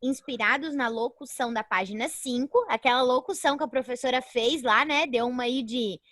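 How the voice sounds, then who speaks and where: A woman's voice: high-pitched, a little fast, fairly bright tone, no echo. A woman teacher with a Brazilian accent leads an online class in a chatty way, often tagging her sentences with a questioning "né?". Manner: chatty, tags sentences with "né?", calls herself "a professora".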